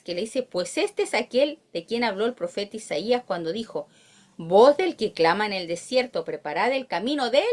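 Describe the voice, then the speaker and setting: A woman with a Chilean accent teaching a Bible study, reading verses aloud and asking her listeners questions. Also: mid-range voice.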